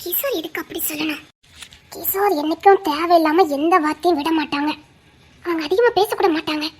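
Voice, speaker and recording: Woman playing a soft-spoken young wife. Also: extremely high pitch, fast. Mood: musing. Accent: Tirunelveli Tamil. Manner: musing, soft-spoken inner monologue. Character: young separated wife, earnest student.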